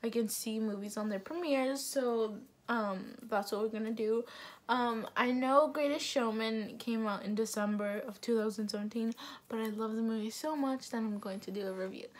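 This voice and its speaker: A woman's voice: on the high side, moderate pace. A young woman chatting casually to her viewers as a vlogger. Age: young adult. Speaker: YouTube vlogger. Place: small indoor room.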